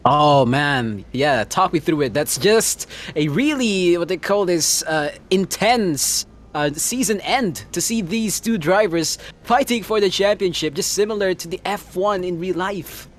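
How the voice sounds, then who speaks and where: A man doing casual live commentary on a sim racing stream, relaxed and chatty, laughing often. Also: sits high, a little slow, few pauses.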